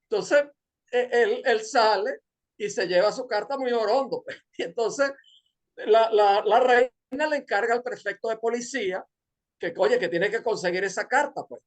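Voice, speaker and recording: Venezuelan male seminar lecturer, casual, digressive, many fillers, wry jokes. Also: sits high. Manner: digressive, hesitant, joking asides. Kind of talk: informal lecture retelling a story.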